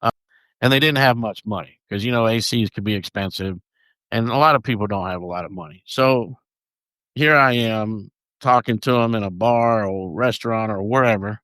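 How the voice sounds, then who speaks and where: A man's voice: on the low side, fairly bright tone, no room sound. A man with a Southern accent co-hosting a podcast, chatting casually and often restarting his words. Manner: halting, restarts words, loose. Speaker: podcast co-host. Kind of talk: casual chat.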